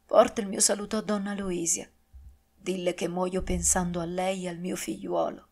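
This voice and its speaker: A dying duke, as a woman narrator reads him, speaks quietly and gravely. His words are slow and tender in this audiobook reading. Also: fairly low pitch, expressive. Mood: solemn.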